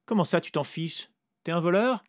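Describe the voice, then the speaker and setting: Coarse teasing tired woman, a guy doing her voice up high, story reading. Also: moderate pace, dry recording, studio quality, natural voice. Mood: blunt. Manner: coaxing, coarse and familiar. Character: weary blunt woman, a prostitute.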